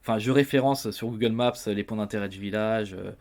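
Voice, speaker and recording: A man in his thirties from France with a fairly low voice, talking casually as a podcast guest. He hesitates often, filling pauses with small sounds and restarting his sentences. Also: darkish tone. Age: 30s. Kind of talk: casual personal storytelling.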